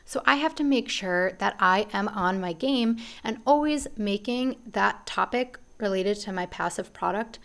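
A woman's voice: medium pitch, lively intonation, a little slow, gravelly, few pauses, a bit bright. A woman hosting a podcast, talking in a casual, rambling way with many restarts, a little out of breath. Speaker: podcast host. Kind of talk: casual business podcast monologue.

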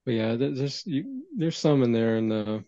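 A man chatting casually, halting and laughing between his points. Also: mid-range voice, big pitch swings, mellow, dry recording. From Maine, USA. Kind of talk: casual chat. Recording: dry, dull lo-fi audio.

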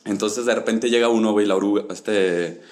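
A man's voice: on the low side, fairly quick. A young man with a Mexican accent telling a funny story to friends in casual slang. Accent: Mexican Spanish. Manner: slangy, laughing, animated storyteller. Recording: echoey room.

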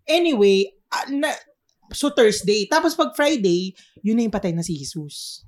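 A man's voice: sits high, lively intonation, moderate pace. Rambling male podcast co-host. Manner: rambling storyteller, mixes English into Tagalog. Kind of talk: casual podcast chat.

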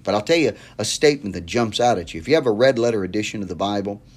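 A man preaching a recorded sermon series, talking straight to the listener with earnest, pleading appeals and a loose, conversational flow of restarts. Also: fairly low pitch. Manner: fillers and repeated words, conversational.

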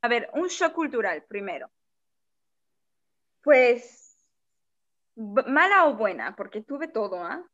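A woman, a guest telling a story in a casual, animated way and acting out what people said. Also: on the high side, slow pace, long pauses, muffled recording. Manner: animated, laughs often, acts out quotes. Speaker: interview guest.

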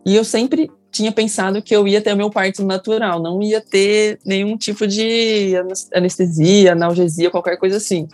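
A woman's voice: medium pitch, steady tone, moderate pace, few pauses, darkish tone, no echo. Young woman, Brazilian accent, casual storytelling, emotional, faint music behind. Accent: Brazilian Portuguese. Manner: emotional, acts out quoted people in raised voices. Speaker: mother sharing her birth story.

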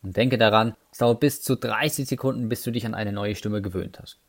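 A man's voice: fairly low pitch, fairly even intonation, fairly quick. A man explaining sales call techniques in an instructional talk, addressing the listener directly with numbered tips and casual asides. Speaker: sales trainer.

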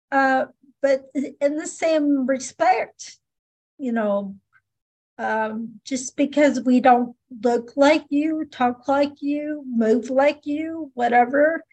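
High, husky-voiced woman co-host. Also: darkish tone, rough recording. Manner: emphatic and laughing often. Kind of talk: casual interview conversation.

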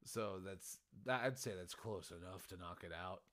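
A man's voice: low voice, moderate pace, a bit bright. A man running a tabletop game as game master, rambling and correcting himself, laughing often.

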